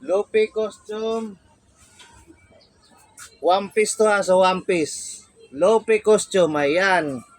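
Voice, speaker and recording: A man's voice: high voice, very slow, long pauses, no echo. A man casually showing off costumes for sale, chatty and repetitive, correcting himself as he goes. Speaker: online seller showing costumes. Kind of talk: casual product showcase vlog.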